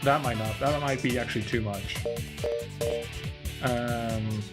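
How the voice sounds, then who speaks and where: Taking it slowly, a man with a medium-pitched, fairly even voice streams a visual novel while working through a technical hitch. Music plays in the background as he chats casually in slangy, lightly profane terms.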